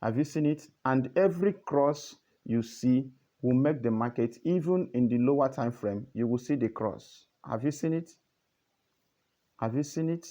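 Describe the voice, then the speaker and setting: A man's voice: medium pitch, normal speed, dark tone. A man teaching a trading method in a casual, earnest tutorial, repeating himself and asking the listener questions. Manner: repetitive, earnest, coaxing questions.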